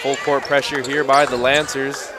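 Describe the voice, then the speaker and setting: A man calling live college basketball play-by-play in brisk, clipped phrases that rise on big plays. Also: mid-range voice, level tone. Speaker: play-by-play announcer. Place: college gym. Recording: loud crowd and gym noise.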